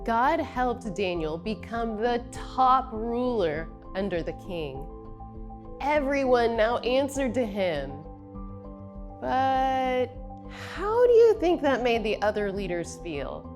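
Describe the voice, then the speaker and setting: Slow, lively woman telling a kids' Bible story. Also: fairly high pitch. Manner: warm storyteller, asks kids questions. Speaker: children's church narrator. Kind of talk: Bible story narration for kids. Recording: music bed under voice.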